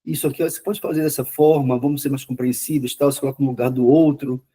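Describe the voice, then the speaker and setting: A man lectures a class in a quick, conversational way, often repeating words to drive a point home. His voice is dark and mellow, with a slightly husky grain. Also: medium pitch, fairly even intonation. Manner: says himself he talks fast. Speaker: lecturer on mental health therapy.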